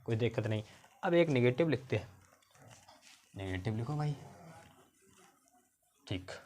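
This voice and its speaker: A male teacher works through grammar examples with his class, one step at a time. He keeps checking with his pupils whether they have understood, and he slows down to spell out words. His voice sits at an ordinary middle pitch. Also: expressive, mellow, slight background noise. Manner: explains step by step, asks the pupils questions again and again.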